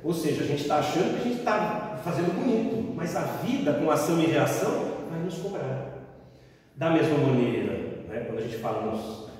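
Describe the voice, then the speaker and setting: A man's voice: on the high side, expressive, moderate pace, darkish tone. A man giving a spiritist lecture, telling stories and tagging lines with "né?". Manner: frequent "né?" tags, acts out voices in stories. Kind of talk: religious lecture with storytelling. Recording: echoey hall from far off, faint noise.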